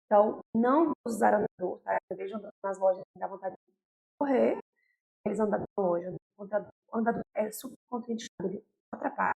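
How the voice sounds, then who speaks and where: Speaking fast in a medium-pitched, gravelly, slightly mellow voice over poor audio, this young Brazilian pediatrician explains baby care to parents. Her Brazilian Portuguese-accented talk is direct and explanatory, sprinkled with "tá?" and "né?".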